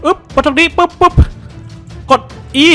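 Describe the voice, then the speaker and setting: A man's voice: normal speed, sharp tone, soft background music. A man hosting a let's play, swearing freely, yelping in surprise and laughing often as he plays. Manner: laughs often while playing. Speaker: gaming channel host.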